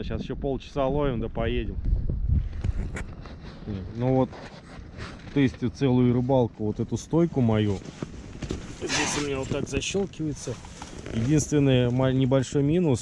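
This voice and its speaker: A man with a mid-range voice talks casually to his camera as a fishing vlogger. His speech is colloquial and grumbling, with mild slang curses. Clear outdoor noise and wind on the mic sit behind him. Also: medium pitch, unhurried, pauses often. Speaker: host of an ice-fishing vlog. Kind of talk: casual vlog chat to camera while fishing. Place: windy frozen outdoors, in and around a fishing tent.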